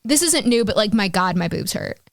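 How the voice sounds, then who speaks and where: A woman's voice: mid-range voice, animated, a little fast, gravelly, no echo, clean studio sound. A young woman co-hosting a podcast in casual chat, frank and crude, with comic exaggeration. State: pregnant, exhausted. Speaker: podcast co-host.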